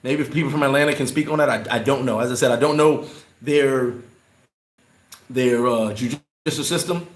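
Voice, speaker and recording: A man's voice: medium pitch, normal speed. A man hosting a casual livestream, answering his chat in a loose, rambling way and repeating words when he gets worked up. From New York. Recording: roomy echo.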